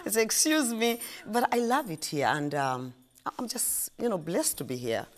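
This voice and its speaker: A middle-aged woman with a Ugandan accent, chatting as an interview guest, halting with fillers and restarts. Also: mid-range voice, very animated. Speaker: guest, shop owner. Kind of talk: casual interview chat.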